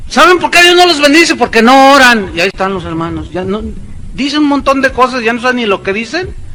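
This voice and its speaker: A man preaching a sermon as a pastor, with sarcastic asides and quick mimicking voices. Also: high voice, pushed and bright, slight background noise, rough recording.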